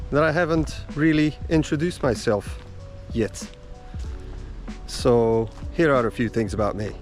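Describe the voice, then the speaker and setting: A Slovak man with a medium-pitched voice, a drumming vlogger, stands in the woods giving a relaxed self-introduction to the camera. His storytelling is slow and easygoing with little pauses, and faint music sits behind the distant mic.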